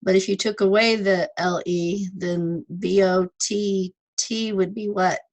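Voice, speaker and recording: A woman's voice: mid-range voice, fairly even intonation, a little slow, a little mellow, rough recording. A woman teaching an online ESL lesson, patiently sounding out words syllable by syllable and repeating them.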